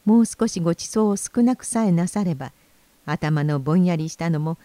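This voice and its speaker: A woman's voice: on the low side, fairly quick, mellow, no room sound, natural voice. A woman voicing doctors in a storybook reading, giving advice in an earnest tone. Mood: advising.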